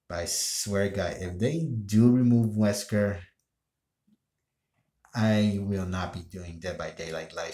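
A man's voice: deep voice, a little mellow. A man who streams games, talking in a casual monologue that rambles, restarts sentences and sighs. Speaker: gaming streamer. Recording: roomy echo.

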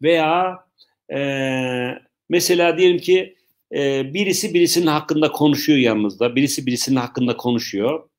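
A man teaching English in a live online lesson, explaining slowly, repeating himself and joking with viewers' questions. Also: mid-range voice.

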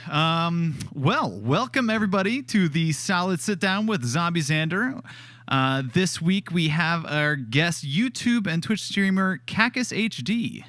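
A young man hosting a casual interview, talking in a relaxed, rambling way and laughing easily. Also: a little high, measured pace, no echo. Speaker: interview host.

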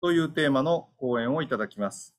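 A man who is a lawyer, moderating an online seminar in a formal, polite, measured announcing style. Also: mid-range voice, lively intonation. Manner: polite, measured, keigo-heavy. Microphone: online webinar audio.

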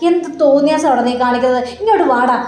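Stern scolding mother, put on by a woman narrator; high, clipped, roomy recording. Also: rapid-fire, lightly acted. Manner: sharp and scolding. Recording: roomy with faint background noise.

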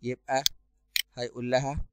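A man with an Egyptian Arabic accent, working through English exam answers as a teacher. He reads the English slowly, then explains fast in Arabic. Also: mid-range voice, little pitch movement, very noisy.

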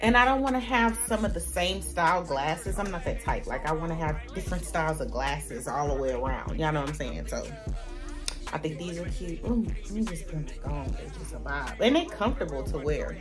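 A chatty woman in her thirties with a Southern US accent, talking casually to the camera at home. Her voice sits a little low and stays friendly and direct. Soft music plays faintly behind her. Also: expressive, a little fast. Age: 30s. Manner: chatty, playful, talks straight to viewers. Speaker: vlogger. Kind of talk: casual vlog chat to camera. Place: home bedroom.

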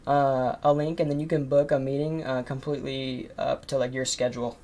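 A man's voice: medium pitch, little pitch movement, brisk, darkish tone. A man in his late teens making sales cold calls and talking between them, nervous and full of fillers like "um" and "like". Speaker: marketing agency owner cold calling. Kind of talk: recorded cold calls and casual commentary.

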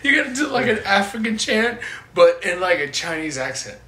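A man's voice: high-pitched, very animated, a little fast, pushed and bright. A man in his thirties co-hosting a podcast, chatting casually, swearing freely and laughing often. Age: 30s. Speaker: podcast co-host. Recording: roomy echo, faint hiss.

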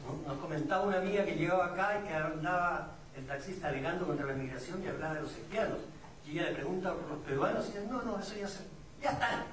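At a public discussion forum, a middle-aged man from Peru speaks fast in a voice on the high side, with a Peruvian accent. As a migrant community representative on a panel, he reflects and teaches, asking rhetorical questions. Crowd noise, a distant mic and an echoey indoor event room shape the recording.

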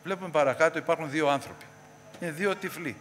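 Guy preaching in a church, forceful bright voice, big echo, asks and answers himself. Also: a little hiss or hum. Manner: rising to emphatic call-and-response questions, then dropping low. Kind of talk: sermon.

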